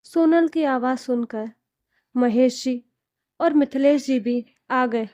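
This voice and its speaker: High-voiced, slow female storyteller. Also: mellow, no echo. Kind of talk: scripted story narration.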